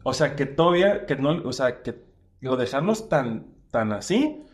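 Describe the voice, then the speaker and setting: A man, a stand-up comedian chatting casually as a podcast guest, slangy and animated, with lots of fillers. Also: medium pitch, moderate pace.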